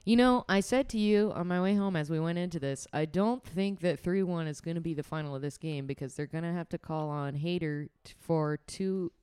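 Female podcast co-host, lowish smooth voice, chatty and knowledgeable, dry sound. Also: fairly quick, hardly any pauses, warm tone, no echo. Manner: knowledgeable, chatty, laughs easily. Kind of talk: casual chat while watching a game.

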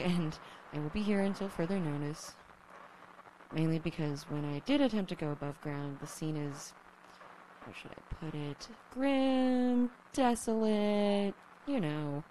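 A woman's voice: on the low side, a little slow, mellow, a little hiss or hum, lightly acted, poor audio. A woman playing a young survivor who broadcasts alone on the radio, rambling and self-deprecating, swearing when flustered, in an audio drama. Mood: anxious. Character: young woman survivor, lonely, nervous, wry.

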